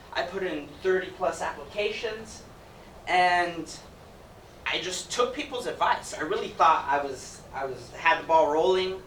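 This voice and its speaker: A man's voice: high voice, fairly bright tone. Young man presenting in a roomy hall. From Ecuador. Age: young adult. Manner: upbeat, conversational, jokey. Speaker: student presenter. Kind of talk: presentation talk. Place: event hall with audience. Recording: roomy, distant mic, noisy.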